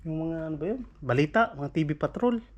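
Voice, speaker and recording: A man's voice: a little high, expressive, fast, dull audio. A father, chatting in playful baby talk with his toddler at home late at night, coaxing and teasing and repeating the same questions. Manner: coaxing and teasing, asks the same question again and again with soft laughs. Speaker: father and vlogger.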